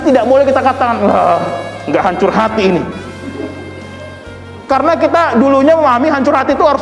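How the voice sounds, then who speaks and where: A man with a very high voice preaches in a lively, chatty way. His words ring out in a big hall with a long echo. Soft music plays faintly behind him. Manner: lively, conversational preaching with playful imitations. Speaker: pastor. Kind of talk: sermon.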